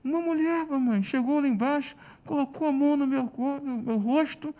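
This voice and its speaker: A man's voice: extremely high pitch, moderate pace, warm tone, voice pushed up. A Brazilian man voicing a frightened seven-year-old boy who pleads tearfully with his mother. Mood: scared pleading.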